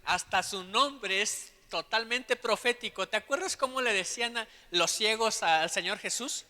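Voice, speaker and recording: A man preaching a sermon as pastor, swelling into loud passages full of questions to the congregation and then dropping to soft asides. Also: sits high, normal speed. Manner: drops to a soft aside tone between shouted passages. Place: church sanctuary. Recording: long church hall reverb.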